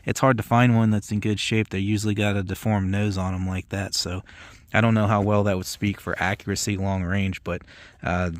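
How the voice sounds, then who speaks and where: Low-voiced man giving casual product commentary. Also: little pitch movement, a little fast, no room sound. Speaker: host of an ammunition test channel.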